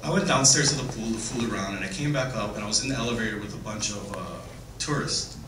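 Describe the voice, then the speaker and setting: A middle-aged man giving an informal, tender family eulogy in a halting, faltering way, telling simple anecdotes. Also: lowish voice. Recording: echoey room, distant mic, clear background noise.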